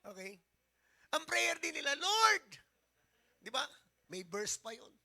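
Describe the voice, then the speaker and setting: A middle-aged Filipino man preaching a sermon as pastor, switching between Tagalog and English and swinging from soft talk to shouting. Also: extremely high pitch, sing-song, moderate pace, gravelly.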